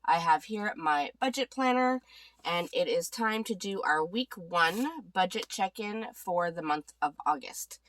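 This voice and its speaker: A woman's voice: fairly low pitch, animated, unhurried, fairly bright tone, dry recording. A congested woman recovering from a cold, chatting casually about her weekly budget as she works through her planner. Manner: chatty, thinking aloud while working. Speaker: vlogger.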